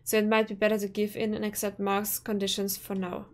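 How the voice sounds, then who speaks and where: A woman reads a visual novel aloud in first person, keeping a steady pace. Her pitch is mid-range and stays fairly flat. Soft music plays quietly in the background. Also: fairly quick. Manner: steady reading with small restarts. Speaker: let's play narrator.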